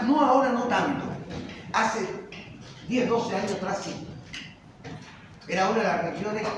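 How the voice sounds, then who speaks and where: Cuban-born male teacher, high voice, emphatic lecturing full of rhetorical questions; distant, very echoey classroom recording with noise. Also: fairly bright tone. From Cuba.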